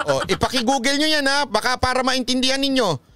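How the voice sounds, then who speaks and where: High-voiced man giving mocking political commentary. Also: fairly even intonation, quick pace, over loud music. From Philippines. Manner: mocking and lecturing, chuckles often, switches into English. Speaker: political vlogger.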